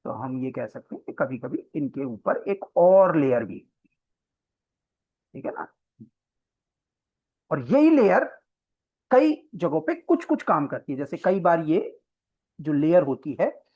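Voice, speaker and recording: A coaching teacher delivers an exam-prep biology lecture in a classroom, explaining step by step and often checking in with students while mixing English terms into Hindi. The voice is medium-pitched, sing-song and mellow, slow with long pauses. The lo-fi recording sounds slightly dull.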